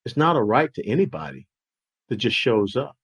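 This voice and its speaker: A man's voice: medium pitch, moderate pace, vocal fry, husky. A man hosting political commentary, talking in a folksy, joking way with mocking asides. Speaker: host and executive director.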